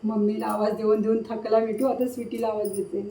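A woman's voice: a little high, flat delivery, fairly quick, mellow, a little hiss or hum. Chatty woman calling her pets. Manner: chatty, calling out to her pet parrot and dog. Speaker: vlogger. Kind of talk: casual home vlog talk. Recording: echoey room from a distance with clattering dishes.

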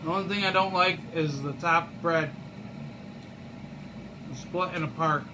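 A man reviewing fast food in a casual vlog, talking with his mouth full and pausing between short phrases. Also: a little high. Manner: chatty, unhurried, trailing pauses between short phrases. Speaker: food vlogger. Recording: noisy room with air conditioning hum.

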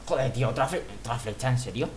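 A man's voice: medium pitch, expressive, fast, noisy background. A man playing a game with a friend, panicky and exclamatory, often crying out and swearing. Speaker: gamer co-player. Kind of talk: casual gameplay commentary.

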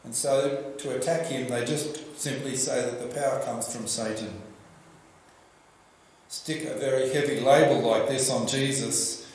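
An older Australian man preaching a sermon at a church lectern, telling the story in a lively way and asking the congregation questions. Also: mid-range voice, a little slow, a little hiss or hum. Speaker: pastor. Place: church hall with projection screen. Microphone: lectern microphone. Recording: very echoey church room.

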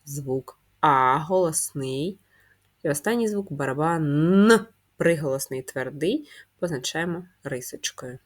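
Woman, schoolteacher, slow and patient, lowish voice, spells out sounds one by one. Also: lively intonation. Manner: patient, drawn-out, answers her own questions. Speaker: primary school teacher. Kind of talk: slow, clearly spelled-out handwriting lesson.

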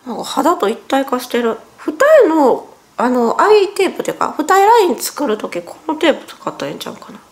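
With a high, sing-song voice, a Japanese vlogger in her 40s talks fairly quickly and with few pauses from inside her home. Her casual chatter is a little sluggish and strained after nose surgery, and she self-corrects while wincing in pain.

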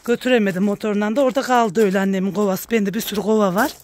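A woman vlogging about her village life, chatting warmly with her viewers and calling out to her animals in a high coaxing voice outdoors. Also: steady tone, rapid-fire. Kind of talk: casual vlog narration to viewers. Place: outdoors at a village farmyard and garden.

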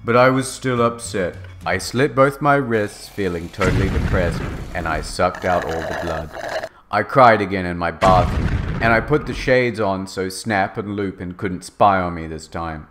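A man's voice: low-pitched, moderate pace, music in the background. A man narrating a comedic dramatic reading of fan fiction, with a mock-serious, overwrought delivery.

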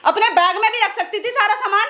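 A woman acts as an indignant friend who scolds and accuses the couple. Her voice is very high, bright and sharp, and she talks fast. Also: slight background noise. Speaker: angry friend confronting the couple. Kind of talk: improvised Hindi comedy-drama skit.

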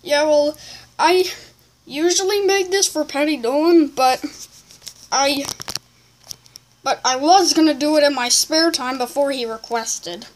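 A woman with a high voice reads comments aloud in a casual vlog style. She adds off-the-cuff replies in a halting, rambling way, often correcting herself as she goes. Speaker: video creator reading viewer comments aloud.

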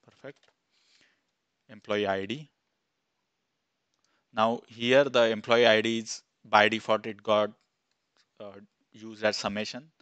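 A man in his thirties, an instructor, talking step by step through a screen-recorded software tutorial on a headset mic, with fillers as he goes. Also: fairly low pitch, level tone, slow, long pauses, clear, resonant tone, no echo. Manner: plain step-by-step, thinking aloud with fillers. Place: small room indoors.

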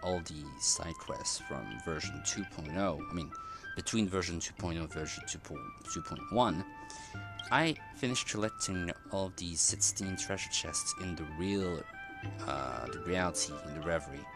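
A gaming streamer rambles hesitantly over his gameplay, full of fillers and restarts, his low voice moving at normal speed. Loud game music plays behind his voice.

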